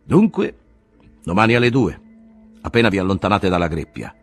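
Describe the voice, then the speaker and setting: A man's voice: sits low, animated, normal speed, faint music behind, voice pushed up. A man voicing a jovial older sanatorium director who banters in a brusque, joking way. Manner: bantering, brusque, full of jokes.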